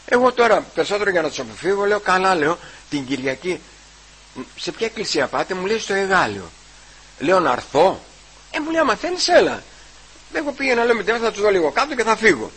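Husky-voiced man telling his testimony. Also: high voice, very animated, fairly bright tone, low-quality recording. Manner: retells conversations, repeating "I say" and "he says"; halting, with restarts and repeated words. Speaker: church member giving testimony. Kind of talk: personal conversion testimony.

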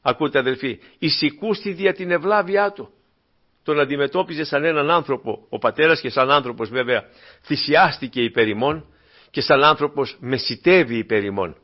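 Fervent preacher, man, lo-fi sound. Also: on the high side. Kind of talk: sermon. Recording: dull lo-fi recording.

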